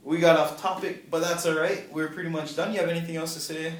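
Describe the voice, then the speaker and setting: A young man hosting a casual sports podcast, easygoing and quick to laugh at himself. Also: fairly high pitch, level tone. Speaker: podcast host. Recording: echoey room with faint ambient noise.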